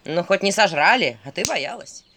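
Filin, a woman doing a gruff male owl. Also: on the low side, expressive, normal speed, bright, forceful tone, slight background noise. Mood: mocking. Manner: curt, snorting, threatening. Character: gruff male owl familiar, stern and bossy.

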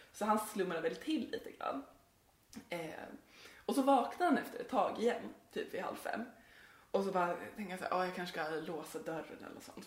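A woman's voice: mid-range voice, darkish tone. Woman, podcast co-host, casual storytelling, rambling, giggly, roomy sound. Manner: rambling, giggly, lots of fillers. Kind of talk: casual chat, telling a spooky story.

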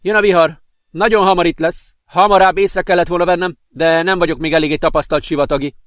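An earnest young alien woman, voiced by a man in a spoken storybook, set somewhat above the reader's normal pitch. She speaks in a steady, explanatory way, and the recording is dry and close. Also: dry recording, lightly acted. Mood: worried.

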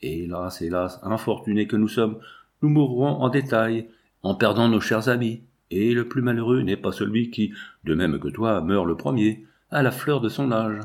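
A tender, effusive older lawyer mourning his dearest friend, lamenting with feeling, as a man reading aloud gives him voice. The voice sits a little low and speaks in impassioned outpourings. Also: moderate pace, a little mellow, natural voice.

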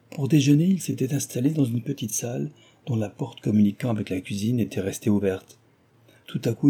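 A man narrating a classic novel as an audiobook in a measured, expressive way. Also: on the low side, husky.

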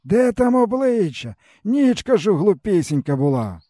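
A bitter, hungry peasant uncle, as a male reader puts him on rambles on in a mournful, folksy way. His voice sits higher than a narrator's and rises and falls with feeling, yet keeps a mellow softness. It is recorded close and dry, with no room sound. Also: big pitch swings, a little slow, no room sound, exaggerated voice. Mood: bitter, weary. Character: starving weary peasant uncle, bitter and fatalistic. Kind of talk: audiobook character reading.

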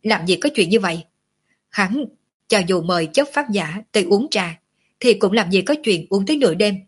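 A woman's voice: medium pitch, animated, breathy edge. A woman voicing a tied-up male bandit protesting that he is being framed. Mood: indignant. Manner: rapid, aggrieved protest.

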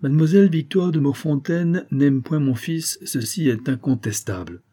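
A man's voice: fairly high pitch, moderate pace, dark tone, pitched above the performer's own voice, lightly acted. A man reading an audiobook and voicing a worried aristocratic father, a viscount who asks abrupt, probing questions.

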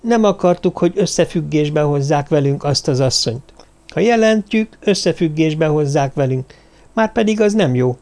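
A small, timid woman from a traveling circus speaks earnestly and deferentially, with a raised, lively voice, as a male narrator puts her on. She politely answers an interrogation in an audiobook. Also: on the high side, voice pushed up. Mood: worried. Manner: earnest and deferential, says "uram" often.

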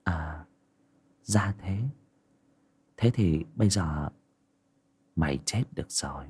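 A man's voice: lively intonation, slow, darkish tone, slightly rough, full character voice. A man putting on a fierce, vengeful young widow. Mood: cold, hushed. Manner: shrill, scolding, menacing.

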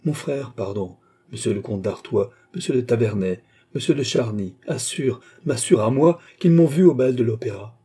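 A man's voice: mid-range voice, lively intonation, normal speed, hardly any pauses, mellow, slightly rough. A man reading an audiobook, voicing a proud young queen who pleads and protests in raised, indignant outbursts. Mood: urgent.

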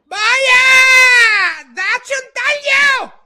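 A man's voice: fairly high pitch, sing-song, slow pace, fairly bright tone, voice pushed up, full character voice. A man voicing an imperious, hot-tempered queen of cards who bellows her orders. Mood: furious.

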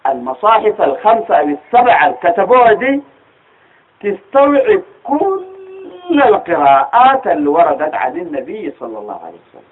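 A man's voice: high voice, big pitch swings, fairly quick, slight background noise. A man with a Sudanese Arabic accent teaching a religious lesson, explaining step by step and asking rhetorical questions of his listeners. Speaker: teacher of Quranic studies. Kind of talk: religious lecture. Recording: tinny phone-like recording.

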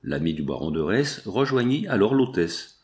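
A man narrating a 19th-century novel in a measured, even reading. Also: lowish voice. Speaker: audiobook narrator.

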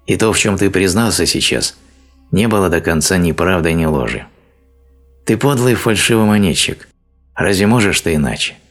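A man's voice: sits low, expressive, moderate pace, soft background music. A man reading a stern, angry male sage in an audiobook, scolding with harsh declamation. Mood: scornful.

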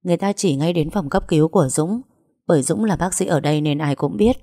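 Phụ nữ đọc truyện, giọng trầm, ấm, đều, sách nói. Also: female voice, deep voice, fairly quick, dark tone, dry recording, studio quality. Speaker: storyteller. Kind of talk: scripted audiobook narration.

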